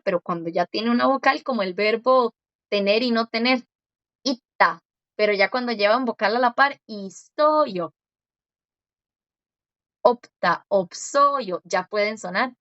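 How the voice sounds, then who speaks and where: A woman teaching a Korean lesson in Spanish, explaining step by step and repeating words slowly. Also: medium pitch, fairly bright tone, dry recording, highs cut off. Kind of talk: one-on-one language lesson.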